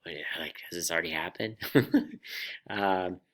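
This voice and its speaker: A man hosting a personal finance vlog, telling a story in an animated, self-deprecating way. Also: low voice, unhurried. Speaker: vlog host.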